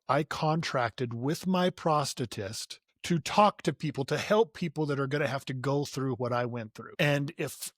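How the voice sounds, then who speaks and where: A man's voice: fairly high pitch, no echo, clean studio sound. A man speaking as a podcast guest in an earnest, motivational way, often repeating his first words as he starts a sentence. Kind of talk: conversational interview.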